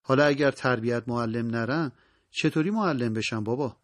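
A man voicing a young daughter who speaks softly, respectfully and pleadingly, in an audiobook reading. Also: mid-range voice, no room sound, studio quality, close to an everyday voice. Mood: earnest. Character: earnest teenage daughter, quiet and determined.

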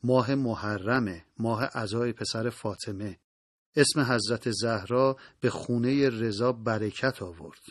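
A man's voice: medium pitch, no room sound, clean studio sound, natural voice. A man voicing a devout, grateful old grandmother in an audiobook reading. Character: pious old grandmother, blessing the family.

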